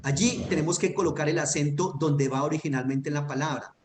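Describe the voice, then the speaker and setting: Slightly high-voiced and brisk, a man teaches Hebrew grammar online. He goes step by step with patience and regularly confirms his student is following, in a room with echo and faint noise.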